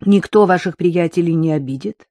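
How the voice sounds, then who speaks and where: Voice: medium pitch, normal speed, mellow, no room sound, clean studio sound, lightly acted. A narrator doing a composed, conciliatory middle-aged mother. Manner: conciliatory, polite.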